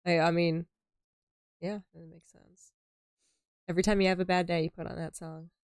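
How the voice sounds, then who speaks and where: A woman's voice: lowish voice, level tone, moderate pace, a little mellow, smooth, dry recording, clean studio sound. A woman co-hosting a gaming stream in casual chat, quizzical and playfully skeptical. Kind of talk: casual chat while playing.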